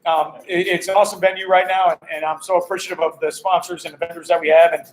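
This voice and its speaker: A man, a high school football coach, hosting a casual live-stream walkaround, upbeat and greeting viewers and passersby. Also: level tone, quick pace, poor audio. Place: hotel during a coaching clinic.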